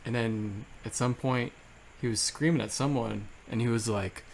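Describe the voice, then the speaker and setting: A man's voice: medium pitch, moderate pace, creaky, a little hiss or hum. A man hosting a livestream, chatting casually and joking crudely. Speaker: livestream host. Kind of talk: casual chat.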